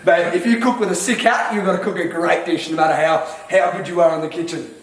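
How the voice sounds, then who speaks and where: A man's voice: high voice, fast, a little hiss or hum. Cocky swearing Australian man in an echoey kitchen. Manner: cocky, swearing, lecturing the viewer. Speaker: home cook vlogger. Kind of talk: mock cooking show. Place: home kitchen.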